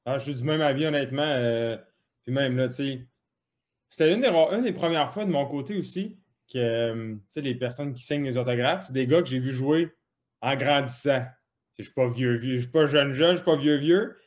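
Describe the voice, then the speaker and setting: A man's voice: medium pitch, fairly quick. A young man with a Québécois French accent, a guest in a casual chat, easygoing and full of fillers.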